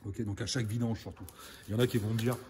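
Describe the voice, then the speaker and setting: A man walks through a car repair in a casual, chatty way, dropping filler words as he goes. His voice sits on the low side. The garage recording is noisy. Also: steady tone, rapid-fire, dark tone. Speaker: amateur mechanic host. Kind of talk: casual how-to commentary.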